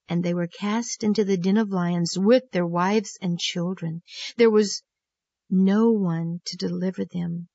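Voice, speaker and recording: A woman narrating a Bible story for children in an earnest, gently emphatic storytelling manner. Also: lowish voice, creaky, husky, dry recording. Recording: dull lo-fi, dry.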